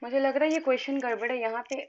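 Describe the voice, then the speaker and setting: एक महिला रसायन शिक्षिका ऑनलाइन कक्षा में क़दम-दर-क़दम समझाती है, गिनती ज़ोर से बोलती है और छात्रों के सवालों का जवाब देती है, हल्का हिंदी लहजा है।. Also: female voice, high-pitched, racing, darkish tone. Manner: explains step by step, counts aloud, answers students. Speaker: chemistry teacher. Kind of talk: live online class. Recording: dull lo-fi online lesson audio.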